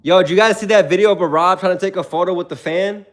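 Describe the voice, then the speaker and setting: Speaking fast in a high-pitched voice, a young man livestreams casually, reading his chat aloud and telling stories with plenty of animation.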